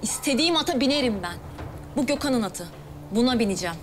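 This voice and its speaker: A woman's voice: on the high side, lively intonation, fast, background noise, lightly acted. An actress playing a spoiled rich young woman who barks orders with open contempt. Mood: haughty. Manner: contemptuous, commanding. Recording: TV drama with loud score underneath.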